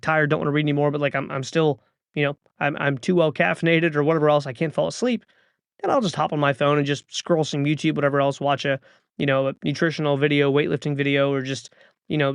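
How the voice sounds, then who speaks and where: Thirties male podcast host; earnest motivational monologue, urging and repetitive; gravelly, dry close-mic. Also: on the high side, no echo. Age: 30s.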